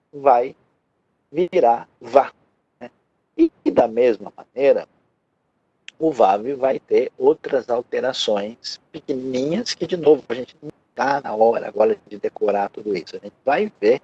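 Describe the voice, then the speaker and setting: A man's voice: medium pitch, mellow, husky, dull audio. A man with a Brazilian Portuguese accent teaching a Hebrew lesson, patiently explaining step by step and often checking in with the listener.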